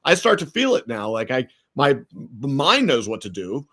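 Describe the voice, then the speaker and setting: A middle-aged American man, an entrepreneur appearing as a guest on a casual interview podcast, tells stories full of fillers and restarts. His mid-range voice has a sing-song lilt, a moderate pace, and a pushed, bright quality.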